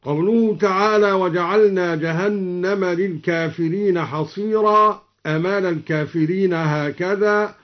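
A man teaching Quran recitation, explaining each reading in measured speech and then chanting the verse slowly. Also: sits high. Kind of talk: recitation lesson. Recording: dull lo-fi recording.

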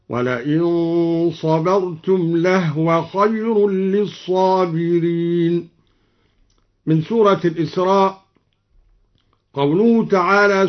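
High-voiced slow Quran recitation teacher. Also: male voice. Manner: explains in measured speech, then chants verses slowly. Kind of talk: recitation lesson. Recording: dull lo-fi recording.

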